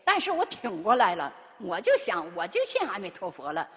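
A woman's voice: mid-range voice, huge pitch swings, fairly quick. An older woman giving a Buddhist dharma talk as lay teacher, pressing listeners with rhetorical questions. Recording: reverberant hall.

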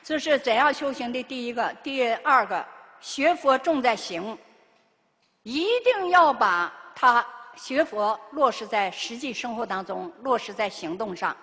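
Lively older woman preaching in a reverberant hall. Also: fairly high pitch, a little slow. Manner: animated, rhetorical questions to listeners. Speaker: Buddhist lay teacher. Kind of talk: Buddhist dharma talk.

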